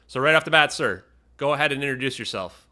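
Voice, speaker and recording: A young man hosting a live-streamed interview over a video call, upbeat and quick, with brief affirmations. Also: medium pitch, animated, bright, forceful tone. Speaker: podcast host. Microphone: headset on video call.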